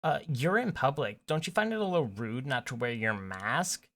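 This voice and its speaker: A man's voice: medium pitch, expressive, normal speed, a bit bright. A man voicing an entitled, self-righteous middle-aged woman shopper who lectures and talks down to people. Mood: lecturing. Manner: indignant, lecturing.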